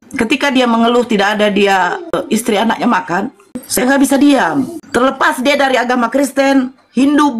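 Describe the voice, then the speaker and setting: A woman, a convert addressing her followers in an earnest, preachy live-stream talk and scolding her critics. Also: high-pitched.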